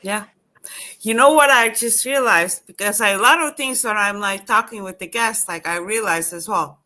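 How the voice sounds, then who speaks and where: A young woman hosting an interview, thinking aloud with many pauses and fillers while she looks for her words. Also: mid-range voice, pushed and bright. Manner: fills with "like", searches for words. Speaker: host.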